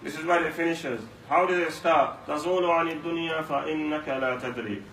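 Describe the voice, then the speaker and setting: This mosque speaker races through his Ramadan talk in a slightly high, somewhat bright voice that stays steady in tone, using stories and repetition for emphasis. The audio has room echo, a faraway microphone, and a faint hum.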